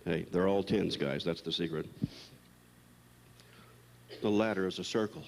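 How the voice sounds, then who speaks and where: Male speaker with a low, gravelly voice, a blunt, lively storyteller lecturing live, heard with hall echo. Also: measured pace, slight background noise. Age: older. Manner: storytelling, blunt and animated with sudden bursts. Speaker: psychologist giving a talk. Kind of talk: motivational lecture to an audience. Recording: long hall reverb, recorded live.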